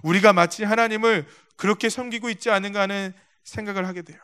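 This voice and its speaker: A man's voice: sits high, steady tone, fast, sharp tone, clean tone. A male pastor preaching a sermon in a church, telling stories, acting out quotes and speaking directly to the congregation. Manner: storytelling with acted-out quotes. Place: church sanctuary.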